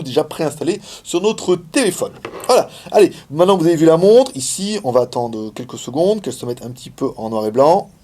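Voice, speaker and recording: Filming indoors in China, a tech reviewer demos a gadget in a relaxed, talkative way, laughing often and filling pauses. His voice runs on the high side and is a little mellow.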